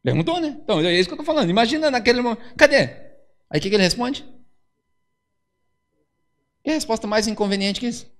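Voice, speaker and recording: A man's voice: high-pitched, lively intonation, fast, long pauses. A male pastor preaching a casual, slangy sermon, telling stories and repeating catchphrases. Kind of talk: casual sermon with acted-out dialogue.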